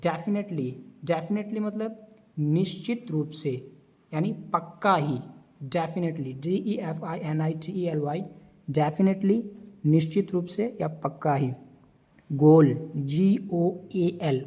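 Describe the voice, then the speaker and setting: Male tutor, unhurried vocabulary drill, letter-by-letter spelling, soft and breathy tone. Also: on the high side. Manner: spells each word letter by letter and repeats it; explains in Hindi with English words mixed in. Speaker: English vocabulary teacher. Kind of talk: vocabulary lesson.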